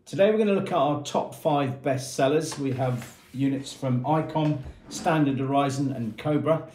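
Here's a mid-range, dark-toned male voice belonging to a man in his fifties who presents for a marine equipment retailer. Informal and methodical, he explains a product plainly in brief phrases. The echoey recording comes from a small indoor room with painted block walls, where he sits at a table.

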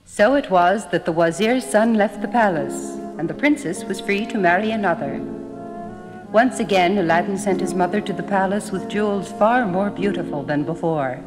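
A woman narrating a fairy tale in a measured storytelling manner. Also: mid-range voice, lightly acted. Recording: echoey hall, music behind.

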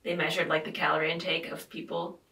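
A woman's voice: low voice, monotone, fast, bright, forceful tone. A woman hosting a casual podcast chat, rambling with lots of fillers and "like". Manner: rambling, filler-heavy, frequent "like". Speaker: podcast host. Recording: roomy, distant mic.

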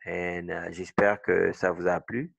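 A man's voice: sits low, little pitch movement, slow, vocal fry, a bit bright, lo-fi sound. A middle-aged man teaching English pronunciation rules, switching between English and French and checking in often with "okay".

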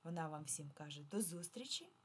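A woman teacher giving a remote lesson to first graders, drawing out sounds slowly and patiently asking the children questions. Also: sits low, big pitch swings, slight background noise. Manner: slow, clear, drawn-out sounds for children. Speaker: primary school teacher.

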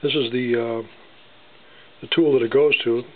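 A man's voice: mid-range voice, steady tone. Man explaining welding in a tinny workshop recording. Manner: halting, many fillers and restarts. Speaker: gunsmith demonstrating welding. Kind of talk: casual workshop demonstration. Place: home workshop bench. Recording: tinny, lo-fi with faint hiss.

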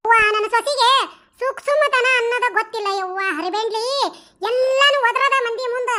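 A woman's voice: very high voice, fairly quick, pushed and bright. A woman voicing a scolding, gossipy village mother-in-law with a North Karnataka accent. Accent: North Karnataka Kannada.

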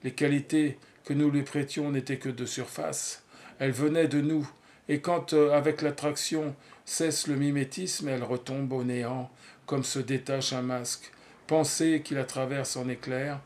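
A man's voice: mid-range voice, darkish tone. Man reading a novel aloud. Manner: measured, literary reading with occasional slips and fillers. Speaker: reader.

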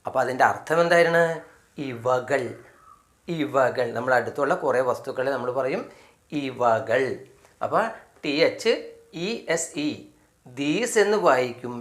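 A teacher explaining English words step by step in a spoken lesson, with a Malayali accent, slowly repeating each item and asking questions he answers himself. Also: mid-range voice, animated. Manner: slow, repetitive, asks questions and answers them himself. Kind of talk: spoken phonics lesson for beginners.

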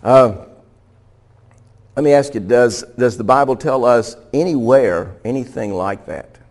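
A man's voice: medium pitch, measured pace, darkish tone. A man preaching a Bible teaching sermon in a conversational way. He laughs now and then and often stumbles and restarts his sentences. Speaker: pastor.

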